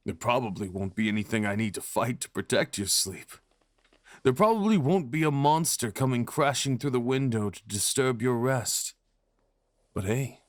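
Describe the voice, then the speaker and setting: Speaking at a medium pitch with no room sound, a man voices a possessive, devoted fox spirit husband for an intimate ASMR roleplay. He rambles gently and lovingly, murmuring endearments in a protective, musing mood.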